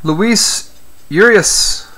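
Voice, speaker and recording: Slow, bright-voiced man calling out cards. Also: high voice, soft background music. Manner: reads names aloud, chats with viewers, jokes about yawning. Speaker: card break host. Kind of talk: live-stream commentary while opening cards.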